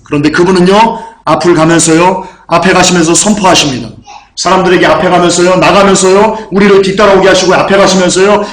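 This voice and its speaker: A man preaching a sermon with fervent, repetitive phrasing that swings up into shouted proclamations. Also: high voice, steady tone, fast, reverberant.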